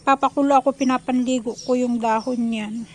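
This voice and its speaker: A woman's voice: a little high, steady tone, brisk, poor audio. A woman chatting casually in a home vlog, narrating outdoors in her garden while recording on a phone. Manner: chatty, mixing Tagalog and English. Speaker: vlogger. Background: faint outdoor ambience and tractor noise.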